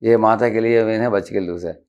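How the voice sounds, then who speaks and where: A man's voice: on the low side, fairly even intonation, fast talker, darkish tone, clear, resonant tone, dull audio. A man giving a conversational devotional lecture, explaining slides and dropping English terms into his talk. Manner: conversational, mixes English terms into Hindi, frequent "haan" fillers; explains slides and acts out short quoted examples. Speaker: spiritual teacher giving a lecture. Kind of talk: devotional lecture on assertive speech.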